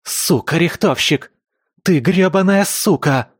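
A man's voice: medium pitch, a little slow, a little mellow, no room sound, studio quality, close to an everyday voice. A man voicing a vengeful female beast-woman assassin who growls her threats in an audiobook. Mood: menacing. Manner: growling, menacing.

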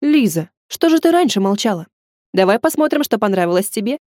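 Woman reading as a charming dad, lively and easy, dry close voice. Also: medium pitch, brisk, dry recording, natural voice. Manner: lively, warm with daughter. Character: charming father with low husky voice.

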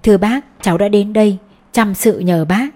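A timid, humble poor mother, as a woman narrator puts her on, speaking politely and deferentially. Her voice is soft and mellow, lifted slightly above the narration. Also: mid-range voice, normal speed, lightly acted.

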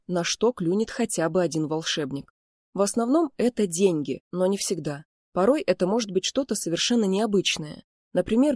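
Woman narrator, calm first-person storytelling, dry close recording. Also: lowish voice, no room sound. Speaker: audiobook reader.

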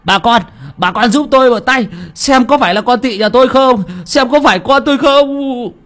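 A man narrating an audiobook while voicing a furious old village father who shouts threats and curses. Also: very high voice, normal speed, voice pushed up. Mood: frantic. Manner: shouting, cursing, commanding.

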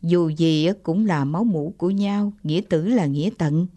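A woman narrating an audiobook short story in a calm, measured way. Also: fairly low pitch, dry recording.

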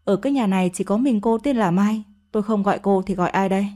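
A woman's voice: mid-range voice, quick pace, warm tone, close to an everyday voice. A woman voicing a harsh older mother-in-law who scolds and accuses her daughter-in-law in an audio story. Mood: scolding.

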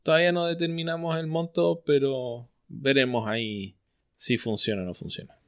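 A man's voice: mid-range voice, little pitch movement, normal speed, clean tone. A man co-hosting a podcast, reading out listener questions and dropping dry jokes. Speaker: podcast co-host. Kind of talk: casual chat.

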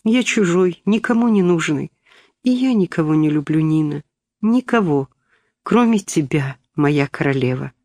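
A woman voicing a frail, dying young boy who speaks softly and weakly. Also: low voice, animated, normal speed, no room sound, clean studio sound. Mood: fading, tender. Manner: soft, weak, hushed speech.

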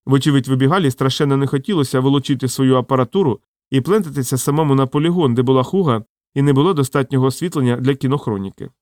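A man narrating an audiobook in an even, measured manner. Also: medium pitch, no room sound, studio quality. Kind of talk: scripted narration.

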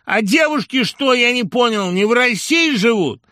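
A man voicing a plump, glib young man who mocks and commands, loud and jeering. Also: very high-pitched, animated, normal speed, no echo, clean studio sound, voice pushed up, full character voice.

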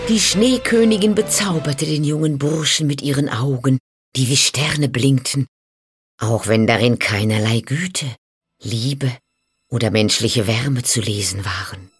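A woman narrating a fairy tale in a slow, dramatic storytelling manner that speaks to the listener. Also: rumbling low, husky. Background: faint music.

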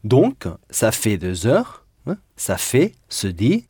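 A man's voice: fairly low pitch, huge pitch swings, takes it slowly, warm tone, husky, no echo, clean studio sound. A man teaching a Spanish lesson in French, patiently drilling verb endings and repeating students' answers. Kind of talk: language lesson drilling conjugations.

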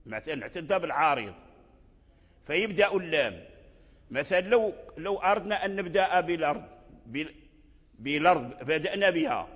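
A man's voice: fairly high pitch, a bit bright, slightly rough. A man teaching as a sheikh, explaining a recitation poem and repeating words aloud to show how they are pronounced. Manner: deliberate explaining, with restarts. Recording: echoey hall, dull lo-fi sound.

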